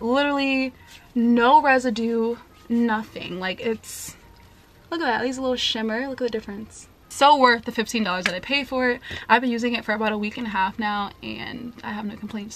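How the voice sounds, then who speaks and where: A young woman in her twenties talks straight to a close camera in a bright room at home, chatting through a haul. Her voice sits a little high, and her talk is loose and full of "like". A faint hiss of room noise hangs behind her. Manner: chatty, filler-heavy, lots of "like". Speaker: vlogger. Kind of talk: casual haul vlog. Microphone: camera facing her at close range.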